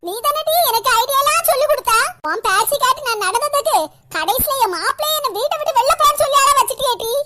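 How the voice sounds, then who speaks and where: A voice actor playing a hot-tempered, betrayed elder sister in a cartoon, speaking with a Kanyakumari Tamil accent and a shrill, scolding manner. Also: lively intonation, quick pace, pushed and bright, full character voice. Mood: furious.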